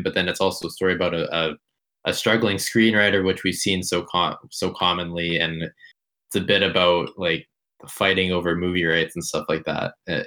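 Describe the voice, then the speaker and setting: A man's voice: deep voice, pushed and bright. A man co-hosting a film podcast, talking casually, rambling and correcting himself as he goes. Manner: rambling, self-correcting, unsure. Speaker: podcast co-host.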